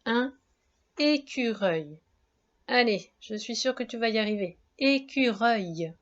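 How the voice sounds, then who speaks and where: A woman's voice: a little high, fairly even intonation, fairly quick. A woman teacher giving a spelling dictation lesson to young children, breaking words into syllables, careful and encouraging. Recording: dull lo-fi sound.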